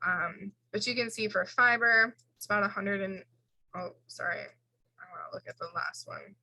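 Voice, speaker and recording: Bright-voiced woman lecturing over slides. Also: mid-range voice, normal speed, creaky, rough recording. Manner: casual, explains tables with fillers and self-corrections. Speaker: instructor.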